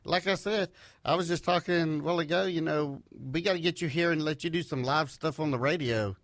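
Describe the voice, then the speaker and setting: A man's voice: on the high side, brisk, fairly bright tone, dry recording. A man hosting a radio interview in a studio, friendly and folksy. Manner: friendly, folksy, uses "y'all" and "fixing to". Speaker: radio host.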